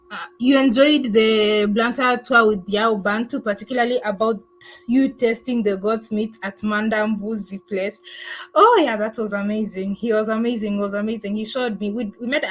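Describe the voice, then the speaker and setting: A woman's voice: on the high side, fairly bright tone, a little hiss or hum, poor audio. A woman travel vlogger chatting casually on a livestream, thanking viewers and answering their comments. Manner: chatty, thankful, laughs often, many fillers.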